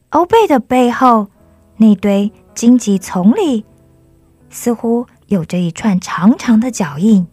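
A woman storyteller reading a children's story, with a fairly high voice recorded dry and close. Her narration is gentle and even. Faint music plays under her. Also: no echo.

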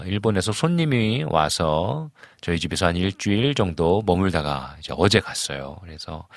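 Lively low-voiced pastor chatting on stream. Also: male voice, no echo, clean studio sound. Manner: chatty, warm greetings, frequent fillers and chuckles. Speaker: pastor hosting a live stream. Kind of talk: casual live-stream chat reading viewer comments.

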